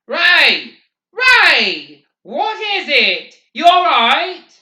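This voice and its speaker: A man's voice: sits high, big pitch swings, takes it slowly, pushed and bright, pitched above the performer's own voice, heavily acted. A man voicing an earnest, worried teenage boy who speaks urgently and pleadingly. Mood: alarmed. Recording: roomy, dull lo-fi recording.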